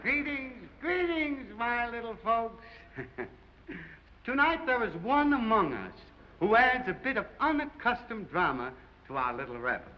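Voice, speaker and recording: Grandiloquent male emcee, 1930s film stage announcing, slow sentimental delivery, reverberant hall, muffled old soundtrack. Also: very high-pitched, very animated, a little hiss or hum, heavily acted. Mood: grandly sentimental. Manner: theatrical, grandiloquent, drawn-out phrases. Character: florid, sentimental nightclub master of ceremonies.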